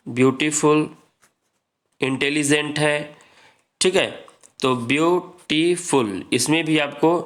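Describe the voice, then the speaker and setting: A man teaching an exam-prep grammar lesson, explaining slowly and repeating points while addressing students as friends. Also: on the high side, fairly bright tone.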